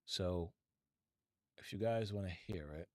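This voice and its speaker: Man, middle-aged, low-pitched, dry close sound, rambling casual stream host. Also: fairly even intonation, unhurried, dry recording. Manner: chatty and rambling, addresses chat directly. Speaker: live-stream tech show host. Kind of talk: casual live-stream chat.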